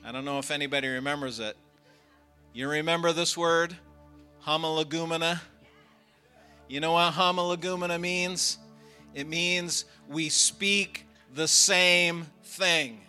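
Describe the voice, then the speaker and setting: A man's voice: a little high, fairly even intonation, unhurried, bright, forceful tone, smooth, soft background music. A man preaching a sermon and leading prayer in a church, earnest and emphatic. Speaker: pastor.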